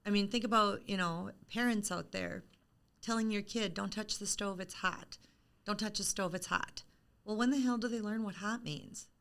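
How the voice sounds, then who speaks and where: Middle-aged woman author, bright voice at a middling pitch, frank and chatty with self-deprecating humor, on a video call. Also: normal speed, gravelly, clear, resonant tone. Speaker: author being interviewed. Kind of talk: casual live-stream interview.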